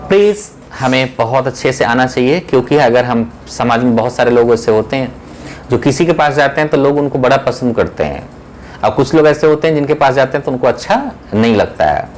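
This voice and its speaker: A man teaching spoken English, explaining phrases in Hindi, asking the class questions and repeating each example phrase slowly. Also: mid-range voice, lively intonation, a little mellow, a little hiss or hum.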